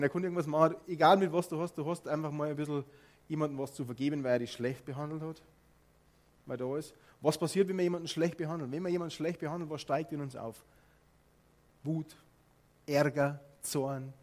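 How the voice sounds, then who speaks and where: High-voiced Bavarian preacher. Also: male voice. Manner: lively, addresses listeners directly with rhetorical questions. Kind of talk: sermon with a live demonstration.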